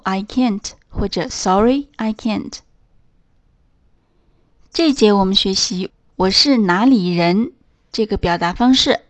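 A woman teaching a beginner English lesson, speaking slowly and carefully as she gives model sentences and spells words out letter by letter. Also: mid-range voice, no room sound.

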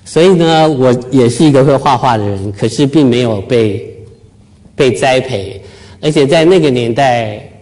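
A middle-aged man from Taiwan speaks to an audience in a hall, at a voice of ordinary pitch. He tells his story with gentle, self-mocking humor and easy timing. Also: moderate pace. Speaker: speaker giving a talk. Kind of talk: storytelling public talk. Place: lecture hall with live audience.

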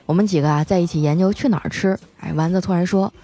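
A female host telling comic everyday stories in a chatty, lively way. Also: fairly low pitch. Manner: lively, chatty, drawn-out particles. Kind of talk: comic storytelling. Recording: faint music bed.

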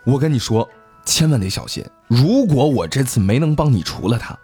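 A man's voice: medium pitch, expressive, a little fast, a little mellow, breathy edge, faint music behind. A man doing an earnest wandering demon hunter. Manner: earnest, warning. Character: wandering middle-aged man hunting a fox spirit.

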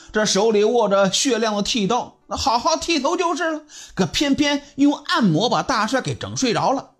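A man's voice: sits high, pitched above the performer's own voice. A man voicing a cold, menacing burly male army officer who sneers as he talks.

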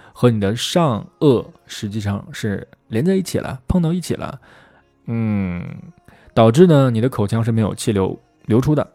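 A man hosting a podcast who explains English pronunciation in a relaxed, chatty, rambling way. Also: medium pitch, dry recording. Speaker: English teacher, podcast host.

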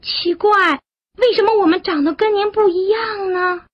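A woman voicing a crowd of eager little tadpole children who call out in high, squealing voices, from a storybook. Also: moderate pace, no room sound, dull audio. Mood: curious.

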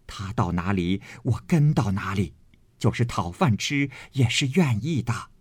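A man voicing a passionate, defiant young maid, raising his husky voice in an impassioned plea while reading a classic novel aloud. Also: lowish voice, lively intonation, unhurried, dry recording.

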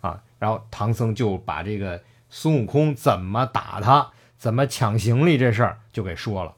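Lively male storyteller. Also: lowish voice, moderate pace. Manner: lively, acts out characters' lines, laughs often. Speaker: storyteller retelling a classic novel. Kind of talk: casual storytelling chat.

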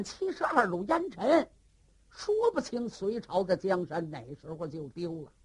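A very husky storyteller telling a classic tale at an unhurried pace. The voice swings widely in pitch, colloquial and animated throughout. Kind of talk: traditional storytelling.

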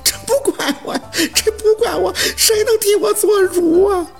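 A man voicing a weepy, frightened village wife in a high wailing voice. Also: very animated, moderate pace, vocal fry, darkish tone, faint music behind, exaggerated voice.

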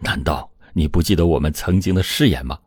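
A man's voice: rumbling low, fairly quick, a little mellow, breathy edge, no echo, studio quality. A man voicing a hurt, desperate young husband in a dramatized true-crime retelling, pleading and lashing out. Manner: pleading, then heated outbursts.

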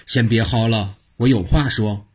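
A man's voice: on the low side, moderate pace, a little mellow, breathy edge. A man voicing a pompous, stern prefect judge who questions officiously in a told story. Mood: pleading.

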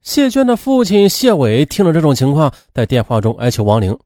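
A man's voice: fairly high pitch, huge pitch swings, brisk, a little mellow, no room sound, studio quality. A man narrating a true-crime story in a chatty way, with frequent fillers.

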